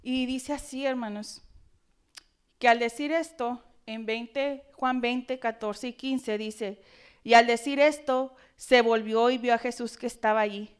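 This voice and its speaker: Woman preacher, high voice, expressive sermon full of dramatic questions to the congregation. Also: measured pace, clean tone.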